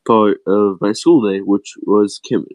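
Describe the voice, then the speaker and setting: A man's voice: on the low side, fairly even intonation, a little slow, darkish tone, no echo, poor audio. A teenage boy co-hosting a casual chat, telling a rambling story full of swearing and laughs, his voice cracking often. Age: teens. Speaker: podcast co-host.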